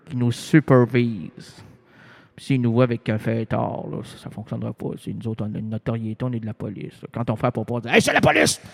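A man's voice: mid-range voice, voice pushed down, natural voice. A man with a Quebec French accent voicing a bumbling, rambling small-town police officer in a comedic radio sketch, stumbling over words and mangling names.

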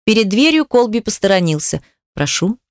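Brief: female audiobook narrator, steady and measured, mid pitch, dry close-miked sound. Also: no echo. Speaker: audiobook reader. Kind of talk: scripted first-person novel narration.

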